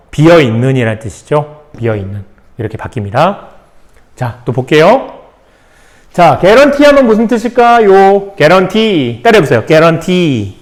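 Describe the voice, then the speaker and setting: A man teaching English vocabulary in Korean, spelling words out letter by letter and asking rhetorical questions with playful asides. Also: a little high. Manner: playful asides and little jokes. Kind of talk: classroom-style vocabulary lesson.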